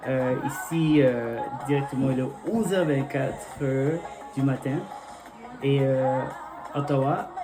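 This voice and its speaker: In church, a young man with a mid-range voice leads prayer and reads scripture in French, a second language he speaks with an English-speaking accent. He's halting, full of fillers, repeats invocations, and music plays behind him.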